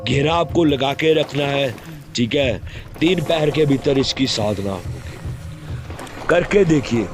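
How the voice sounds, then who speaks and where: A man explaining a ritual step by step, directive, and constantly filling pauses with a repeated "okay". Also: mid-range voice, lively intonation, music in the background. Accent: Hindi. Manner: fills pauses with repeated "theek hai". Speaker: occult ritual instructor. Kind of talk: spoken ritual instructions.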